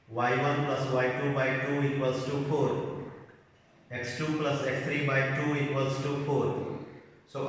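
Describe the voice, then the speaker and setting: A man teaching a maths lesson in Indian English, talking his way slowly through each step as he works it out on the board. His voice comes from a distance and rings with a long, hollow echo. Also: mid-range voice, fairly bright tone. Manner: spells out each coordinate and step aloud while writing. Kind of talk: slow board-work lesson, dictating steps. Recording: echoey room, voice from a distance.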